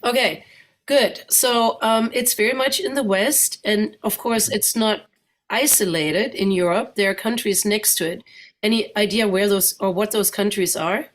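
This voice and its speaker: Unhurried and medium-pitched, a middle-aged German-accented woman presents slides to a club as a guest speaker, chatting with the audience and asking them questions.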